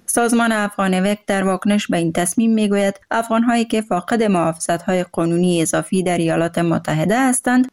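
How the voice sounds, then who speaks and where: Woman reporter narrating a news report. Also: mid-range voice. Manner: steady, formal narration. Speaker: radio reporter.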